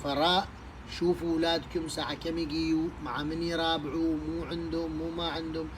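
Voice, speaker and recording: This man's voice is a little high, fast, and fairly flat in pitch, heard over background noise. As a social media speaker, he gives parents impassioned, emphatic advice in a preaching monologue packed with rhetorical questions.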